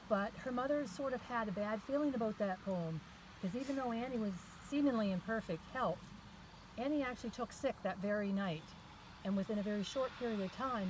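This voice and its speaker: A woman guiding a walking tour outdoors, telling stories in a measured, deliberate way. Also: mid-range voice. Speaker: cemetery tour guide. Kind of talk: guided walking tour storytelling. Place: outdoors in a cemetery at night. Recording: outdoor recording with clear background noise, crickets.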